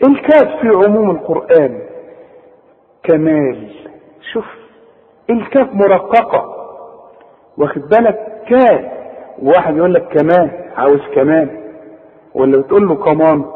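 Egyptian guy teaching tajweed, stretches out the verses, keeps asking if u got it, tinny phone sound w long echo. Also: fairly high pitch. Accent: Egyptian Arabic. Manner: explains slowly, then drawls recited words, asks the listener for confirmation. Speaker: Quran recitation teacher. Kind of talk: tajweed lesson.

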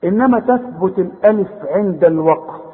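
Egyptian man, recitation teacher, high voice, tinny phone-like sound. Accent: Egyptian Arabic. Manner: chatty, coaxing, slowly drawing out example words. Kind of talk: tajweed lesson with spoken demonstrations. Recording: tinny phone-like audio in a long reverb.

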